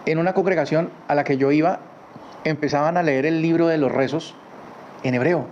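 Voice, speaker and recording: A man teaching a religious lesson from his home in a conversational way, often adding quick tag questions. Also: a little high, steady tone, darkish tone. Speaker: Torah teacher. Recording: slightly dull recording with faint background noise.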